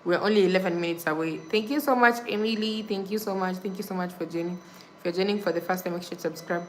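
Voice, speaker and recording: A young woman from Kenya, low-voiced and fast-talking, hosts a relaxed livestream where she reads comments aloud and repeatedly thanks viewers and asks them to subscribe. A little hiss or hum is audible.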